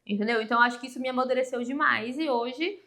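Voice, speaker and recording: Her voice high and fast, a woman from Brazil in her thirties shares a personal story as a podcast guest. She performs the dialogue animatedly, slipping into quoted voices for each person involved.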